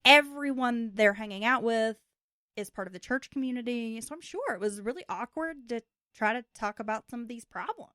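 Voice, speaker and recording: A woman with a bright, fairly high voice co-hosts a casual true crime podcast. She banters in a brassy, joking way. The sound is close and dry. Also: moderate pace, dry recording. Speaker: podcast co-host.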